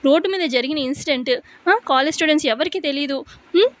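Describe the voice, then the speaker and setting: Brief: woman playing a harsh mother-in-law, accusatory, high bright voice. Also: fast, close to an everyday voice. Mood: scolding. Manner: scolding, accusatory. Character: stern scheming mother-in-law, scolding.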